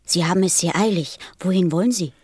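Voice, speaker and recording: In a German radio play, a woman voices a gentle, curious, earnest little boy, asking simple questions in a husky, lowish voice. She speaks fast, and the recording has no room sound.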